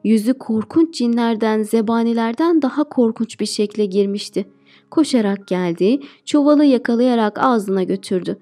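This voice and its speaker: A woman teacher narrating a folk tale audiobook in a steady, clear reading voice. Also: fairly high pitch, moderate pace, faint music behind. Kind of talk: storybook narration.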